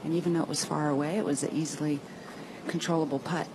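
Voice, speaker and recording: Low-voiced female golf analyst, noisy ambience. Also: steady tone, quick pace. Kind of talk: analytical live commentary. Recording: clear outdoor ambient noise.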